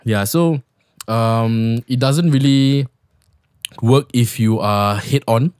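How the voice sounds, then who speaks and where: A man's voice: medium pitch, slow pace, a little mellow, clear, resonant tone, dry recording. Young singaporean guy, podcast chat in singlish, lots of lah, repeats himself, dry close sound. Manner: colloquial Singlish with particles like lah and ah, repeats words.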